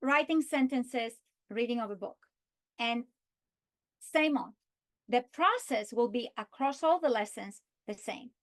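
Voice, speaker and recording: A woman's voice: on the high side, expressive. Woman walking teachers through a lesson plan. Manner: slow, deliberate delivery, stretching key words when modeling. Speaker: teacher trainer. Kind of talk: instructional walkthrough with modeled lesson script.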